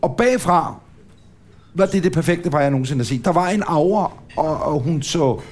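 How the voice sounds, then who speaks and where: A man's voice: fairly high pitch, expressive, darkish tone. A middle-aged man from Denmark, co-hosting a podcast in casual comic chat, rambling through stories with many restarts. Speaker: podcast co-host.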